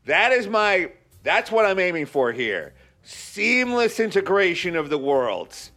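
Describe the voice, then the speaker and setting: Casting: young man, sharp bright voice, sarcastic podcast co-host, a bit high. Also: a little slow. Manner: animated, sarcastic, acts out quotes. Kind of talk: casual podcast banter.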